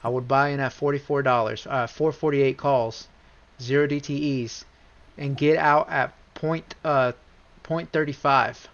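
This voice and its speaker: A man talks loosely over his charts in a middle-pitched voice, circling back and repeating himself as he gets worked up. The stream audio is a bit dull and lo-fi, like a basic desk mic. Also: a little slow. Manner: rambling, restarts often, gets excited and repeats himself. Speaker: livestream trading host. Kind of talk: casual live chart walkthrough.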